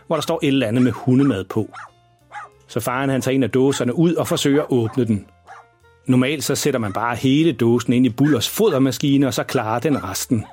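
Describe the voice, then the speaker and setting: A man narrating a children's audio story in a calm, even storytelling manner. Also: mid-range voice.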